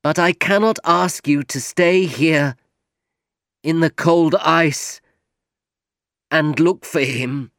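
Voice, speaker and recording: A man's voice: fairly high pitch, takes it slowly, pauses often, fairly bright tone, dry recording, clean studio sound, pitched above the performer's own voice. A man reading as a dying, revenge-haunted young man. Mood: weak, pleading. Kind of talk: audiobook reading.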